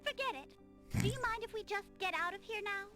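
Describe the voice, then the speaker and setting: A woman's voice: very high-pitched, brisk, over music. A woman playing a haughty, impatient young winged princess in a video game, with an imperious, dramatic delivery.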